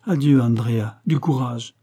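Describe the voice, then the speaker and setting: A man reading the lines of a dying mother, weak, tender and resigned, speaking her slow faltering farewell. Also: mid-range voice, mellow, slightly rough.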